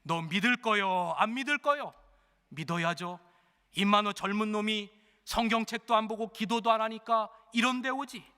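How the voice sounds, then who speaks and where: A male pastor voicing a gruff death-row prisoner who bosses other inmates about faith, in a rough scolding manner. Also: high voice, moderate pace, sharp tone, long reverb tail.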